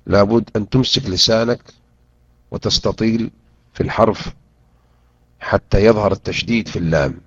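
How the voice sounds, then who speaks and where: A man teaching a Quran interpretation lesson, drilling pronunciation and repeating words slowly and deliberately. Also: lowish voice, breathy edge, no echo. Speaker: Islamic teacher. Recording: dull lo-fi recording.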